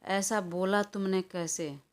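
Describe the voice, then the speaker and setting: A woman's voice: mid-range voice, steady tone, slow pace, natural voice. A woman voicing a stubborn, hot-tempered young woman who quarrels and makes demands, in a storybook reading. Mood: angry.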